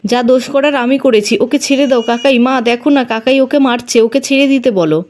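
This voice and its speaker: A woman's voice: high voice, a little fast, darkish tone, natural voice. A woman reading a pleading guilt-ridden sister.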